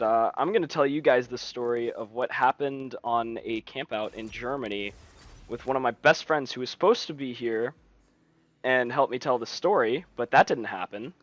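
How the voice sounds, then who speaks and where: A man's voice: medium pitch, no echo. A man telling a story to friends on a stream, casual and rambling, often restarting his sentences. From United States. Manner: rambling, frequent restarts and fillers. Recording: dull lo-fi stream mic.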